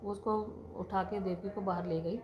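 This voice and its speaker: A woman telling a family story in a casual, halting way with many restarts. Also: medium pitch, steady tone. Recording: noisy background.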